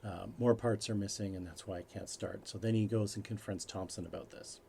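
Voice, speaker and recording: A man's voice: on the low side, fairly even intonation, a little fast, vocal fry, mellow, a little hiss or hum. A man co-hosting a podcast, easily recapping a film's plot in casual chat. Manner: recaps plot at length, easygoing. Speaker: podcast co-host. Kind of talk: casual movie review chat.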